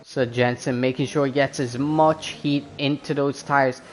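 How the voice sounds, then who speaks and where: A man doing live motorsport race commentary as a commentator, excitable when the action picks up. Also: medium pitch, measured pace, slight background noise.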